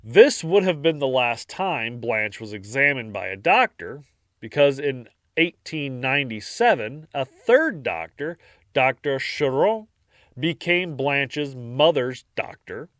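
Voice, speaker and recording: A man co-hosting a podcast, reading out a dark history story in a casual, jokey way. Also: mid-range voice, sing-song, takes it slowly, no room sound, studio quality. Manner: jokey, breaks into silly voices and laughs. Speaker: podcast co-host narrating history.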